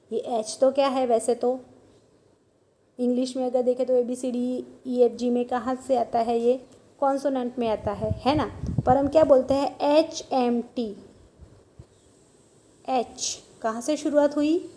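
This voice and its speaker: A woman's voice: sits high, dark tone. A woman teaching a grammar lesson, asking questions and answering them herself, repeating each point.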